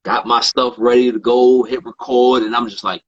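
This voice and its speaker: A man guesting on a podcast, telling stories in a relaxed, casual way and acting out what others said. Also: medium pitch, moderate pace, dull audio. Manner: relaxed, quotes others in animated asides, frequent fillers. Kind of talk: casual storytelling in conversation.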